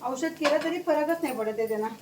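A woman's voice: quick pace, echoey room, recorded from a distance, noisy background. A woman vlogging casually from her home kitchen while cooking, chatting to viewers and to her pets. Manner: chatty, switches to high sing-song baby talk for her pets. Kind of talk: casual home vlog narration. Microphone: phone held or propped while cooking.

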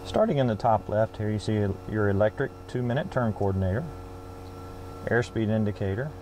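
A man's voice: on the low side, lively intonation, fairly quick, a little mellow, slight background noise. A middle-aged man giving a sales walkaround presentation as an aircraft salesman, speaking into a lapel mic. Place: outdoors on an airfield tarmac and inside a small plane cabin.

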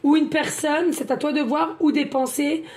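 A woman talks through a tarot card reading. She is chatty, repeats words and fills pauses as she goes. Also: sits high, steady tone, darkish tone, slight background noise. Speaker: card reader, medium.

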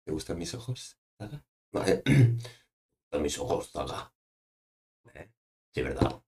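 A man voicing a nervous little male toy doll that stands in for the streamer, speaking quietly and repeating himself. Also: a bass voice, very animated, unhurried, full character voice. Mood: sheepish.

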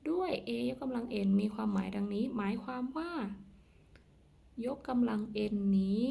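Gravelly-voiced woman teaching a math lesson. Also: mid-range voice, dark tone. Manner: patient, explains step by step, polite sentence endings.

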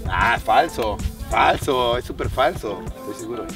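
A man's voice: medium pitch, a little slow. A man in his twenties with a Mexican accent, joking casually and playfully as a vlog guest, recorded outdoors at some distance. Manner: playful, exclaiming, expressive. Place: outdoors, standing in a resort pool. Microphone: camera mic a few meters away. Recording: distant outdoor mic, loud music behind.

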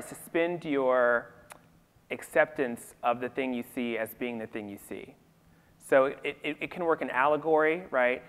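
A man talks on a literary festival panel, his voice at a middling pitch. He thinks aloud in an animated way, peppering his points with "you know". The sound carries a long reverb, the kind a large hall gives. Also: smooth. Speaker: panelist discussing theater.

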